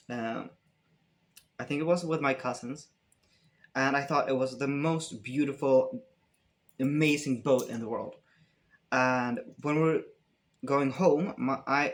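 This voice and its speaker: Young swedish guy answering fan q's, loose and rambly, lots of ums, mid pitch. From Sweden. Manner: relaxed, rambling, many fillers and restarts. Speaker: vlogger answering fan questions. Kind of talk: casual Q&A chat.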